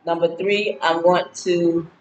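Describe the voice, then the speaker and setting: A woman in her sixties records a casual birthday vlog at her home in Ghana, chatting to the camera and rambling through a list of goals with plenty of fillers. Her voice sits on the low side with little pitch movement, and she takes it slowly in a slightly mellow tone. The audio is dull, with a little hiss or hum and a roomy echo over faint ambience.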